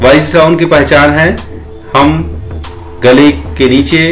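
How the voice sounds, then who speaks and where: A male teacher leads a pronunciation lesson at a slow, unhurried pace, his voice sitting at an ordinary middle pitch. He says each sound and word on its own in careful drills. Faint music plays softly behind him. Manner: slow and deliberate, says single words and sounds one by one.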